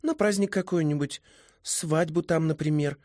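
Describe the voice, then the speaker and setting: A man's voice: fairly high pitch, no echo, clean studio sound, voice pushed up, natural voice. A man doing a chatty, cheerful young woman. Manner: chatty, bright, quick. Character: cheerful young village woman, secretly a kikimora.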